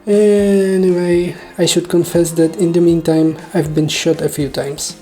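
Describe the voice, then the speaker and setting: A woman with a low, mellow voice, a native Czech speaker, recounts a dream casually. She sounds puzzled by her own story, questioning herself and joking at her own expense. Faint music plays behind her. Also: flat delivery, unhurried. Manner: self-deprecating, jokey, puzzled asides and mock-serious boasting. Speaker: video storyteller. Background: soft music.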